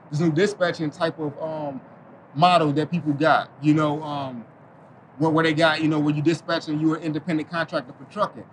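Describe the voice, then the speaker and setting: Fast-talking streetwise man. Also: fairly high pitch, a little hiss or hum. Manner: fast, streetwise, repeats words as he talks. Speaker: trucking business owner, podcast guest. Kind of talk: casual interview talk.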